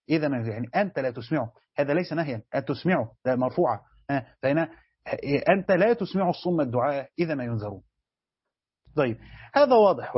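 Man, Egyptian accent, sheikh explaining scripture, rapid delivery, husky voice, dull dry recording. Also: mid-range voice, no echo. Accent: Egyptian Arabic. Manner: explanatory, asks students questions. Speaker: sheikh teaching Quran commentary. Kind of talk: religious lesson.

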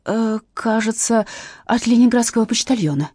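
A woman's voice: fairly high pitch, expressive, normal speed, darkish tone, slightly rough, no room sound, clean studio sound, pitched above the performer's own voice. A woman voicing a timid young female artist who stammers and hesitates when questioned. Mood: flustered.

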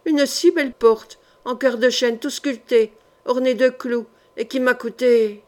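A woman voicing a hot-blooded male knight who shouts and grumbles over his damaged house. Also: on the high side, steady tone, measured pace, close to an everyday voice. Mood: indignant. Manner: loud, fiery, grumbling.

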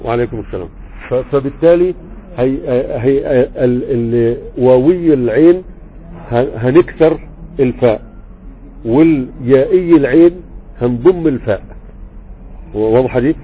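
A man with an Egyptian Arabic accent, speaking at a medium pitch and moderate pace with a breathy edge, teaches grammar online as a religious teacher. He reads a text aloud, explains it conversationally and often checks that students are following. The audio is tinny, like a phone.

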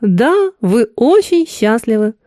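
A woman voicing a calm, cool-headed man who questions a woman in a level way. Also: a little high, slow, no room sound, clean studio sound. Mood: coolly probing.

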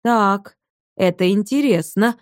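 A woman's voice: mid-range voice, takes it slowly, no room sound, clean studio sound, natural voice. A woman playing a patient police major. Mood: questioning. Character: patient, persistent middle-aged male police major.

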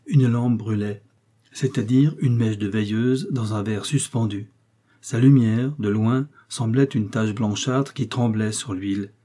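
A man reading a classic novel aloud as an audiobook narrator, measured and expressive. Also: medium pitch. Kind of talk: literary narration.

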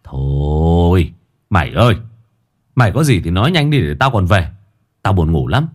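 A man's voice: low-pitched, big pitch swings, normal speed. A man as a curt, sleepy young exorcist. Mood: impatient. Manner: curt, impatient.

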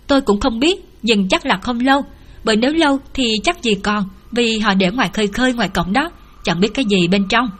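Woman narrator as a flustered housemaid, hurried and humble. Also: fairly high pitch, lightly acted. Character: flustered female household servant.

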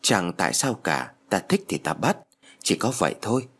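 A man voicing a cruel, mocking shadow demon who threatens a child, with a husky low voice. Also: big pitch swings, normal speed, fairly bright tone, exaggerated voice. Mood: menacing. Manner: threatening, scornful.

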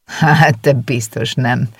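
A reader voicing a teasing, laid-back teenage boy in an audiobook, with a gravelly edge. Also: medium pitch, fairly even intonation, dry recording. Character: young man, teenage schoolboy, teasing.

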